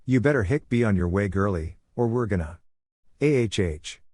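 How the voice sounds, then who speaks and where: A man's voice: fairly low pitch, a little fast, a little mellow, no echo, studio quality, lightly acted. A man voicing a whiny, hiccuping drunk male bully in a read-aloud story. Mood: drunken taunting. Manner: hiccuping, slurred taunts.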